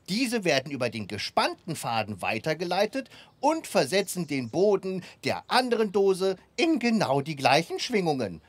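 An earnest, fussy puppet character for a children's show. The voice is husky and leaps wildly up and down as he proudly explains things, tripping over words when flustered. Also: high-pitched, a bit bright, no room sound, full character voice. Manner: eager explaining, stammers when flustered, chuckles to himself.

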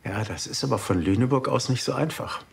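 Actor as a gravelly, earnest man in love. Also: medium pitch, fairly quick, heavy background noise, lightly acted. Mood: earnest, loving. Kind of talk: TV drama dialogue.

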